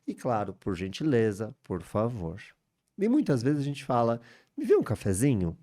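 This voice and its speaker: Brazilian English teacher, male, mellow dark tone, chatty tag-question delivery, lively intonation. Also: medium pitch, normal speed. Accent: Brazilian Portuguese. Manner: lively, rising intonation with frequent "né?" and "tá?" tags. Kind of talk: teaching English in a video lesson.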